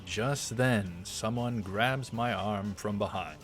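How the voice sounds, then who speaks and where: Speaking slowly in a voice on the low side, a man doing a let's play playthrough reads the story text out loud. He mixes in casual asides while game music runs underneath.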